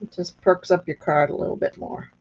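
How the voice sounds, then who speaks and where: Female craft host, reedy and squeaky yet lowish in pitch, unhurried, thinking out loud, dull lo-fi audio. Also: steady tone. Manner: unhurried, thinking aloud with pauses. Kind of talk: casual hands-on craft demonstration. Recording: dull lo-fi sound.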